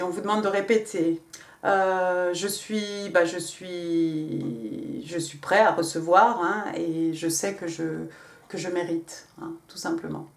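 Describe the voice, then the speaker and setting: A woman's voice: on the low side, reverberant. A woman giving a casual tarot reading, chatty and rambling, thinking aloud with many fillers and slipping English card phrases into her French. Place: home in England.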